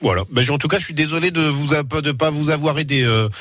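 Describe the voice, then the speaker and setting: A man's voice: fairly high pitch, quick pace, fairly bright tone, slight background noise. A man co-hosting a radio quiz, joking and stammering as he thinks aloud. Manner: hesitant, stammering, jokey. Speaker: radio co-host. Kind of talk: casual radio banter.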